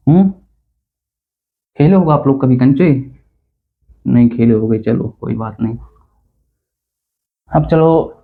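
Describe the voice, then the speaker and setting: A man teaching a basic math lesson in a chatty, teasing way, checking often that students follow. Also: on the high side. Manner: chatty, teasing, repeats "theek hai na" to check understanding. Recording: tinny phone-like sound.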